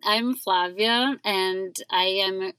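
A woman from Brazil, a podcast guest telling her story in a relaxed, unhurried way. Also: mid-range voice, smooth, no echo. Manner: unhurried, laughs between thoughts. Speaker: guest, staging company co-founder. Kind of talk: casual podcast chat.

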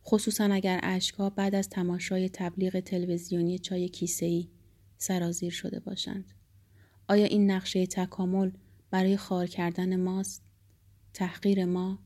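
A woman with a mellow, darker tone narrates a first-person audiobook. She reads in a steady, reflective way, with a measured, even delivery. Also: on the low side.

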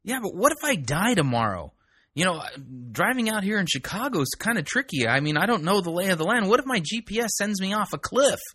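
A man's voice: high-pitched, very animated, fairly quick, pushed and bright, husky, dry recording, clean studio sound. A man hosting a talk show, critiquing a recorded sermon in a mocking, exasperated tone. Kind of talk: sarcastic commentary.

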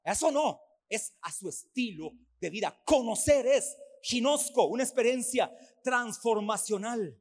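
A pastor from Costa Rica preaches at a church service in a voice pitched high for a man, animated yet unhurried. He hammers his points home by repeating them in lists, swinging between loud, forceful phrases and hushed, quiet ones.

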